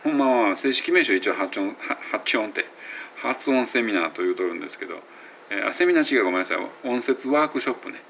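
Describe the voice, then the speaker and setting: A man's voice: on the low side, animated, fast, vocal fry, fairly bright tone, slight background noise. A man with a Kansai Japanese accent, teaching English pronunciation in a casual audio blog, rambling and correcting himself as he sounds out example words.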